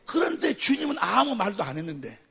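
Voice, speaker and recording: A man preaching at a church seminar, who keeps quizzing the audience and calling for amens, sometimes bursting into shouts. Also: high voice, huge pitch swings, brisk, gravelly, husky. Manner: quizzes the audience with constant questions; calls for amens after each point. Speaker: pastor. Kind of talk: seminar sermon teaching.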